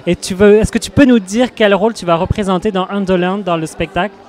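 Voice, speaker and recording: A man's voice: high-pitched, steady tone, a little fast, a little mellow. A man interviewing a guest at a festival, asking friendly questions that sometimes stumble. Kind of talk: casual interview.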